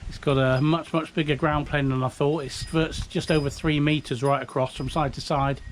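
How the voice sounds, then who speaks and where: This is a hobbyist video maker, a British man in his fifties, doing a rambling, chatty, unpolished show-and-tell on a handheld camera or phone. His slightly high voice is flat, at a moderate pace. He is outdoors beside a house in breezy conditions, with slight background noise.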